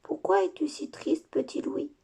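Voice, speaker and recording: Woman whispering as a tiny gentle firefly, whispered role-play. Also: mid-range voice, expressive, normal speed, vocal fry, slightly rough, exaggerated voice. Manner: soft whisper. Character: gentle little firefly, female.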